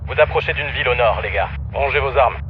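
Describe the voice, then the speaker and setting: A man voicing a video game drone operator, reporting in terse, clipped phrases over a military radio. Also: mid-range voice. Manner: terse, brisk, matter-of-fact. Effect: military radio transmission. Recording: muffled game radio over battle noise.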